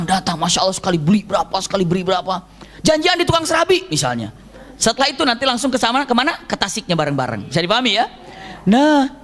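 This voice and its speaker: Preacher, male, high voice, animated and jokey storyteller. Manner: animated, jokey, acts out scenes. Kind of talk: lively religious storytelling to mothers. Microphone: handheld microphone.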